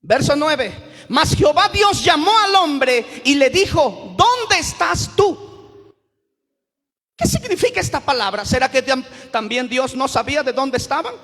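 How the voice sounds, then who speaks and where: A male pastor delivering a sermon, breaking into sudden shouts for emphasis. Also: very high-pitched, lively intonation, normal speed, big-room sound.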